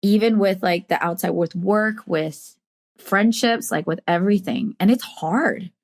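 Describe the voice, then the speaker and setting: A woman's voice: medium pitch, a little slow, darkish tone. Give me a sniffly woman host chatting casually and affirming her guest, with plenty of filler words. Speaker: podcast host. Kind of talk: casual interview chat.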